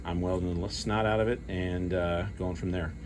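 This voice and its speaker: A middle-aged man talks through his project in a garage, his deep, low voice explaining each step as he thinks aloud. The recording comes from a camera held while he works. A faint hum of background noise sits behind him. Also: steady tone, normal speed. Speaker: hobby car restorer. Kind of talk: casual workshop narration.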